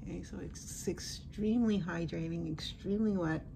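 A woman's voice: lowish voice, normal speed, creaky, warm tone, slight background noise. Chatty woman talking through a sheet mask. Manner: chatty, thinking aloud. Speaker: beauty vlogger. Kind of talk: casual product review.

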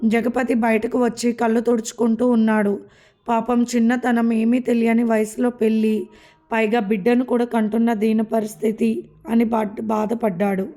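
A woman narrating a family story as a storybook reader, steady and measured. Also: a little high.

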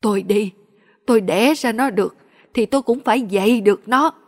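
An elderly village mother lamenting in a wailing, altered voice, as a woman storyteller puts her on. She cries out with raw, rough emotion. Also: fairly high pitch, fairly quick, in a large hall, natural voice. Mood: resolute. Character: grief-stricken older village mother.

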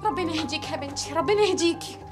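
A woman's voice: very high voice, rapid-fire, music in the background. An actress with an Egyptian accent playing an exasperated mother who scolds her daughter in a TV drama. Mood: scolding. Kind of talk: TV drama dialogue.

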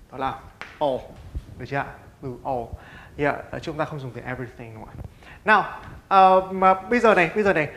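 A man with a somewhat high voice teaches an English lesson in a classroom style. Vietnamese is his first language. He asks questions and answers them himself, and he has learners repeat words after him. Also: a bit bright, a little hiss or hum. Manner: drills pronunciation with repetition.

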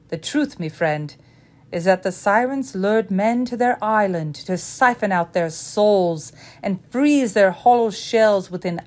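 A woman's voice: medium pitch, a little mellow. A woman reading a storybook tale aloud in a dramatic, old-fashioned telling.

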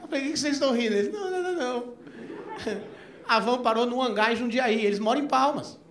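A man doing stand-up, telling a long story and acting out both sides of the dialogue, his voice jumping up into near-shouts at the punchlines. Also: very high voice, very fast. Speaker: stand-up comedian. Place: comedy club stage before a live audience. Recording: echoey club with crowd noise and laughter.

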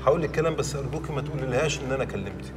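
An actor with an Egyptian accent playing an exasperated young newlywed husband in a TV drama. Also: male voice, medium pitch, animated, racing, distant mic, close to an everyday voice. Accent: Egyptian Arabic. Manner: pleading, then exasperated. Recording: music under the dialogue.

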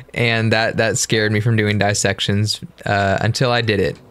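A man's voice: on the low side, steady tone, a little slow, fairly bright tone, clear, resonant tone. A man giving casual, playful, teasing commentary while playing a horror game. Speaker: gameplay commentator.

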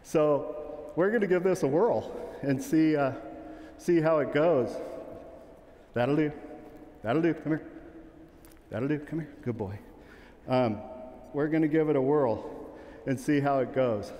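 Speaking a little slowly with long pauses, a middle-aged man with a mellow, slightly high voice runs a casual, joking sheepdog training demonstration. He calls commands to his dog in a large indoor arena that echoes with long reverb.

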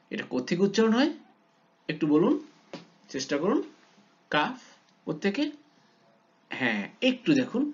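A man leads a beginners' pronunciation lesson, drawing each letter out slowly and coaxing his listeners to guess and repeat. His pitch rises and falls a lot as he prompts them. The recording is dull and lo-fi. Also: darkish tone. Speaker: Quran reading teacher.

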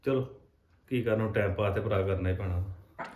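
A man's voice: fairly low pitch, fairly even intonation, moderate pace, a little mellow, roomy sound, slight background noise, lightly acted. A man acting a husband caught between his mother and his wife, soothing her and often asking for agreement. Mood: weary. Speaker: husband in a family drama. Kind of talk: scripted domestic drama acting.

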